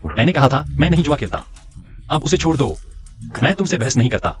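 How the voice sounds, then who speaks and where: An actor playing a steady young husband who stays firm under threat in a dubbed short drama. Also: male voice, a little high, brisk, faint music behind, natural voice. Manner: firm, insistent. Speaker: lead, husband.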